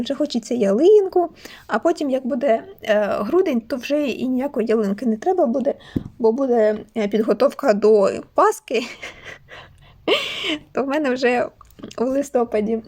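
A cheerful, chatty woman from Ukraine shows off her crocheted toys in a casual show-and-tell vlog. Her voice sits high and sounds warm.

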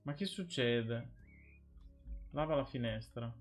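A man's voice: mid-range voice, slow, faint music behind. A man streaming a game live, chatting and joking with his viewers as he plays. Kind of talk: casual live gameplay commentary.

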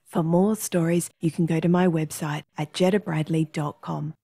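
A woman's voice: low-pitched, steady tone, normal speed, creaky. Woman reading a children's story.

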